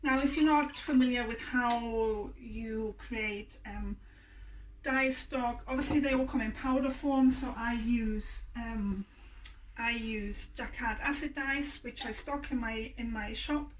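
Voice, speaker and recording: A yarn dyer and shop owner chats through a craft demonstration video in her home workspace, hesitating with lots of ums and clearing her throat. Her croaky voice is a little high and slow, picked up by a distant mic alongside the faint hum of a hot plate.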